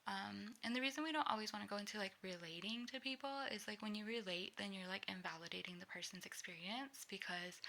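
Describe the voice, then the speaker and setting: A young woman vlogger giving casual advice in a relaxed way, full of "like" fillers, often sliding into a soft, whispery delivery. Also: medium pitch, creaky.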